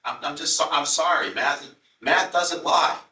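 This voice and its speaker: A man's voice: fairly high pitch, measured pace, bright, forceful tone. A man with a Long Island accent arguing budget figures at a public board meeting, insistent and repetitive. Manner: insistent, repeats himself, apologetic but pressing. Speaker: town representative on a transit board. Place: meeting room. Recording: echoey meeting room from far off.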